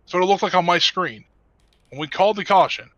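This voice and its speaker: A man working race control, calmly sorting out the running order and calling restarts. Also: high-pitched, brisk. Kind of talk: casual race control chatter. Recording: dry, dull lo-fi voice chat.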